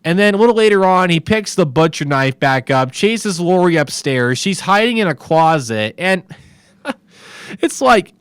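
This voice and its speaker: A male podcast host giving a casual, animated recap of a horror film. He laughs often and makes sarcastic asides. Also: high-pitched, normal speed, clean tone, no room sound, studio quality.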